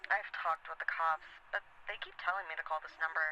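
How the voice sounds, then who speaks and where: A woman's voice: deep voice, fairly even intonation, fairly quick, bright, forceful tone. A woman playing a puzzled homeowner calling a helpline, conversational, through a telephone filter. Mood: puzzled, uneasy. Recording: noisy radio-like telephone line.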